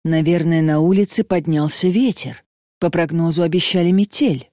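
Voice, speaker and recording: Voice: medium pitch, normal speed, darkish tone, no room sound, clean studio sound. A narrator reading a tense story as an audiobook.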